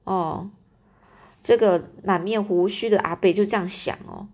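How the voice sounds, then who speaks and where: A woman telling a story aloud in a chatty, halting way, stopping to explain words. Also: mid-range voice, darkish tone.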